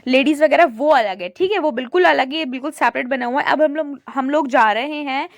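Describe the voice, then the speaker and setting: A young woman with a high voice narrates her vlog in a chatty, casual way, walking viewers through everything in front of her. The sound is close and dry. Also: brisk, no echo. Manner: chatty, showing things to viewers. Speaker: vlogger.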